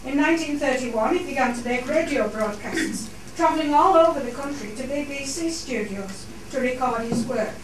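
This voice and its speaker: A society host, a woman with a high-sitting voice, formally welcomes a theatre audience from the stage and introduces a play, speaking at a moderate pace with few pauses. The sound is noisy and echoey, picked up by a distant mic.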